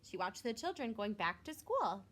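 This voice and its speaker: A woman narrates a children's picture book the way a schoolteacher might, her lively pitch constantly rising and dipping. She reads expressively, pausing to offer simple asides to young listeners.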